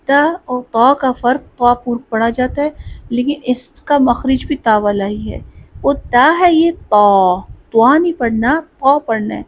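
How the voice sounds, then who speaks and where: A woman teaching a Quran pronunciation lesson, explaining where each sound is made and then chanting the syllables slowly and deliberately. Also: a little high, a little hiss or hum, rough recording. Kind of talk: Tajweed lesson, slow drill recitation.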